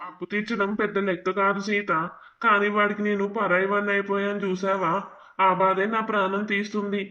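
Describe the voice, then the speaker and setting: Guy doing a hurt old cartoon dad, stern and proud, high flat voice. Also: brisk, lo-fi sound. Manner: stern, wounded, speaks with authority. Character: worried proud elderly village father. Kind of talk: cartoon family drama voice acting.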